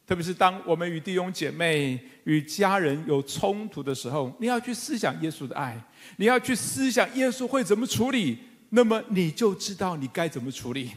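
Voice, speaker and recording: A middle-aged man preaching to a congregation, his voice sitting high and swelling into fervent, emphatic calls. He tells stories with humorous asides to the listeners. The sound carries a long reverb tail from a church hall. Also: animated, moderate pace. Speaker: pastor. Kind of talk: sermon.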